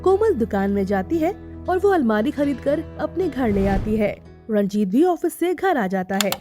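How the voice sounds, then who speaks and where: A woman narrating a scripted animated story in a steady storytelling manner. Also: fairly high pitch, normal speed, over music.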